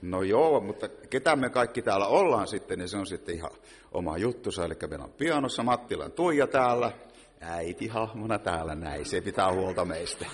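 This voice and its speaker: A man's voice: low voice, expressive, slightly rough. A man from a visiting choir, talking in a joking, rambling way at a church service. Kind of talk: humorous talk at a church service. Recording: reverberant church hall with faint noise.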